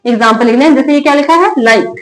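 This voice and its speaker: In a Hindi-medium lesson at a board, a woman with a voice that sits high explains English spelling rules in Hindi. She repeats questions and answers them herself, drawing out example words in slow, drilled readings. The room is echoey.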